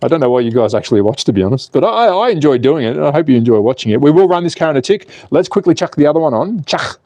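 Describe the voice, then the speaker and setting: An Australian man in his forties hosts a casual slot car livestream, cheeky and swearing a lot as he reads out chat and works on a car. His voice is fairly high, very animated and fast, with a dark tone and no echo.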